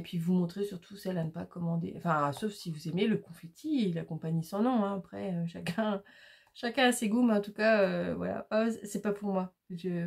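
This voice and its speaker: This craft channel host from France has a mid-range voice with vocal fry and a darkish tone. She chats casually with many fillers while displaying her craft supplies.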